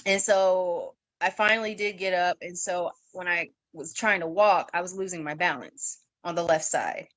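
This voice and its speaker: A young woman in her twenties telling her story in an interview, halting, with fillers and restarts, and acting out what others said in a raised voice. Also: fairly low pitch, a bit bright, no echo. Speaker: guest sharing her story.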